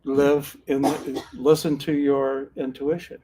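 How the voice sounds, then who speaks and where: Slow and level, a dark medium-pitched voice carries through poor audio with a little hiss or hum. The speaker, an older retired sheriff's officer turned card reader from Northern California, shares his story casually and earnestly in a folksy style, restarting sentences often.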